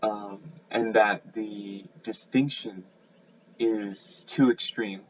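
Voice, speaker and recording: Low-voiced man lecturing, lo-fi sound. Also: fairly even intonation, extremely slow, slight background noise. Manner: hesitant, many ums and restarts when explaining. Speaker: lecturer on biblical poetry. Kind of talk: reading slides and explaining them. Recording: slightly dull, lo-fi sound.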